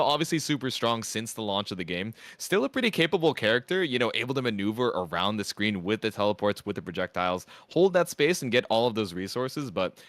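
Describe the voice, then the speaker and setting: Male esports caster, bright tone, very animated pitch; analytical play-by-play with bursts of hype. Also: no echo. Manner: analytical, excitable, gamer slang. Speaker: esports commentator. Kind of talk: fighting game play-by-play commentary.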